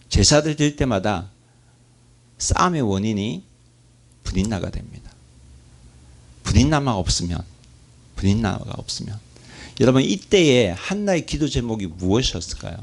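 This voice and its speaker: A man's voice: medium pitch, vocal fry. A man pastor preaching a sermon, asking his congregation questions and acting out prayers.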